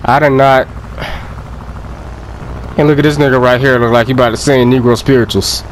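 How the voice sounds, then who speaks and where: A young man giving loud, profane, joking let's play commentary and laughing often. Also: mid-range voice, steady tone, moderate pace, a little hiss or hum. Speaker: gameplay commentator.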